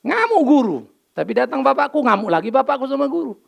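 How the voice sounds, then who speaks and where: An older man, preaching a sermon as pastor, telling lively stories and acting out dialogue. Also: very high-pitched, fast, creaky. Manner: lively storytelling, acts out dialogue, mixes in English phrases. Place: church.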